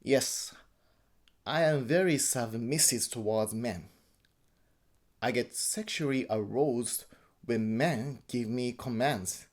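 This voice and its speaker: A man from Japan with a Japanese accent gives a personal account in halting English, often repeating and correcting words. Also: medium pitch. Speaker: interviewee.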